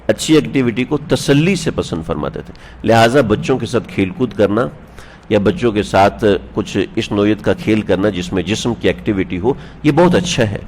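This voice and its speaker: A man's voice: fairly low pitch, darkish tone, slight background noise. A male religious scholar giving a sermon, telling stories with rhetorical questions to his listeners and chuckling now and then. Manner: chuckles while telling anecdotes. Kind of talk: Urdu sermon on the Prophet's life. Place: standing on a prayer mat, indoors.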